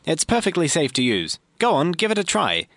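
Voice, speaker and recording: Deadpan, lively-pitched comedy show host. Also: male voice, a little fast, no room sound, clean studio sound. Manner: deadpan, mock-formal announcer. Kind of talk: scripted comedy radio hosting.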